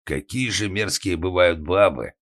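A man voicing a gruff, crude old organ-grinder father with a wooden leg who grumbles bluntly. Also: low voice, a little slow, a bit bright. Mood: grumbling.

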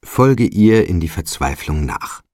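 A man's voice: deep voice, expressive, unhurried, a little mellow, no room sound, clean studio sound. A man voicing a stern spirit of a bell in an audiobook, speaking in a solemn, admonishing way. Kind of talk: audiobook character voice.

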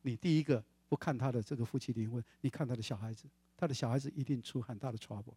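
A male pastor, preaching a sermon in a church and lively acting out the quoted words of family members. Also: medium pitch, fast talker, slightly rough, no echo. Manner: animated, acts out quoted voices of family members.

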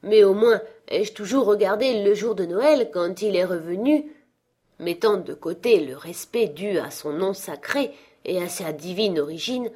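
A woman voicing a cheerful, warm-hearted young man who pleads earnestly, in an audiobook reading. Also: fairly high pitch, voice pushed up.

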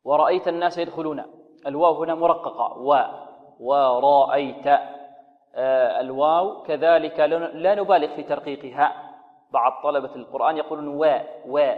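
A man teaching the rules of Quran recitation. He poses questions, answers them himself, and slowly intones sample verses to show the sounds. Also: on the high side, in a large hall, narrow, tinny audio. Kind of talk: tajweed lesson on radio.

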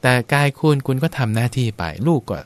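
A man's voice: medium pitch, brisk, no room sound. A man, a Buddhist monk, patiently explaining teachings in a radio Dharma talk. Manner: calm, patient explaining, acts out quoted people.

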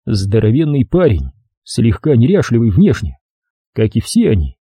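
A male audiobook narrator reads a first-person detective story with a very dark, mellow tone and a husky grain. His delivery is measured yet lively in pitch. The recording is dry and close. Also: no room sound.

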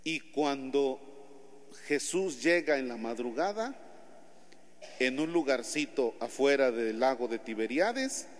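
A priest with a Mexican Spanish accent preaching a homily in a church, telling stories with lively acted-out scenes. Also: male voice, mid-range voice, slow. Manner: animated storytelling, acts out scenes. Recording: long church reverb.

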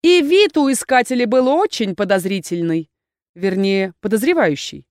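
A woman narrating a first-person audiobook in a lively, expressive way. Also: mid-range voice, normal speed, dry recording, studio quality.

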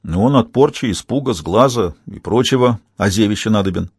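A man doing a stubborn calm soldier, kinda plain, steady, dry close sound. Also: lowish voice, fairly quick, husky, no room sound.

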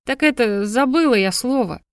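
A woman's voice: a little high, lively intonation, moderate pace, clear, resonant tone, dry recording, studio quality, voice pushed up. A woman voicing a distraught, simple-spoken mother of a grown son, plaintive and scolding by turns in an audiobook. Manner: plaintive, then shouting and scolding. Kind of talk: audiobook character voice.

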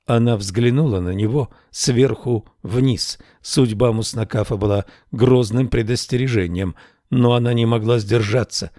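A man narrating a fantasy audiobook in a measured, steady storytelling manner. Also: medium pitch, dry recording, clean studio sound.

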